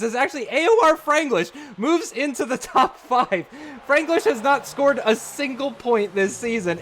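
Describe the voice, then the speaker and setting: A man calling a live esports racing event as lead commentator, excitable and laughing often as he talks. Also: high voice. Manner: excitable, laughs often, quick run-on phrasing.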